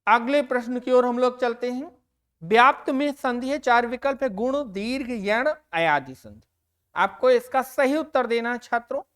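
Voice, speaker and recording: A woman teacher giving an exam-prep grammar lesson. She talks slowly and deliberately, repeating and stressing each answer word for her students. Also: a little high.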